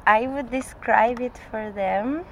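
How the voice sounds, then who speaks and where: A woman's voice: on the high side, slow pace, a little hiss or hum, rough recording. A woman from Spain with a Spanish accent, a performance artist rambling through an interview with frequent restarts and laughs. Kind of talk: casual interview chat.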